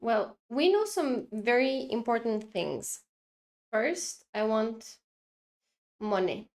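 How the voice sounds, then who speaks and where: A young woman chats casually with her viewers while streaming her drawing, speaking slowly in a slightly high voice. She's excitable and rambling, often breaking off mid-sentence and interrupting herself.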